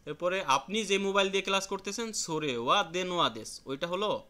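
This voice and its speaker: A man teaching a language class in a plain, patient way, repeating each word slowly and restarting himself now and then. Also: sits high, lively intonation, pushed and bright. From Bangladesh. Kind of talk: classroom lesson explaining vocabulary.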